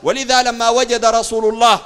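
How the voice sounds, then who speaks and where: Fiery Sudanese sheikh in a hall. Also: male voice, extremely high pitch, flat delivery, fairly bright tone, smooth. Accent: Sudanese Arabic. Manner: blunt, combative, rapid colloquial preaching. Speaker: sheikh preacher. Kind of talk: sermon and discussion talk.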